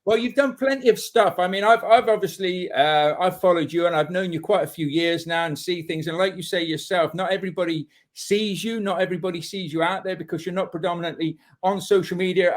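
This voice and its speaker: A man hosting a podcast interview, introducing his guest with effusive, enthusiastic praise. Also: high voice. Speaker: podcast host. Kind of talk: casual interview.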